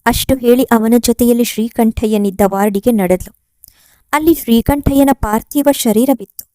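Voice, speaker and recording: Mellow woman storyteller. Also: a little high, moderate pace, no room sound, studio quality. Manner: steady, expressive reading. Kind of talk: storybook narration.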